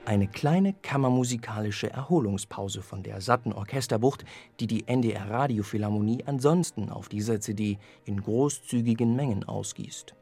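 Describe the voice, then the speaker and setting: Man reviewing with mellow voice. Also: fairly low pitch, creaky, faint music behind. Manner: measured, evaluative narration. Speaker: music critic. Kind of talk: scripted radio review.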